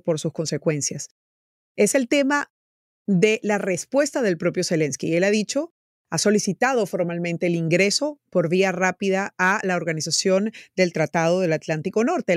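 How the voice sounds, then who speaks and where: A woman hosting an interview podcast, asking measured questions. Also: on the low side, dry recording, studio quality. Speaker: host.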